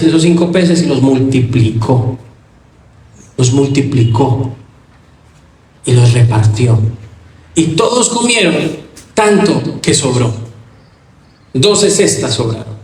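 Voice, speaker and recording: A man's voice: fairly high pitch, a little mellow, reverberant, poor audio. A man preaching a sermon in an emphatic style, with rhetorical questions and repetition. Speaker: pastor.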